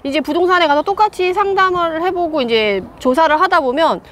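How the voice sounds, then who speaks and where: A woman talking about property investment in a casual discussion, animated, acting out the agents she quotes. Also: extremely high pitch, brisk, a little hiss or hum. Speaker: real estate investment guest.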